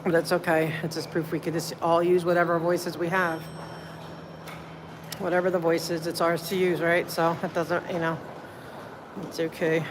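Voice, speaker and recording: At a moderate pace with long pauses, a woman with a lowish, flat voice chats loosely on a noisy phone livestream. She films city meetings and, in public building hallways and elevators, rambles, thinks aloud, and thanks those watching.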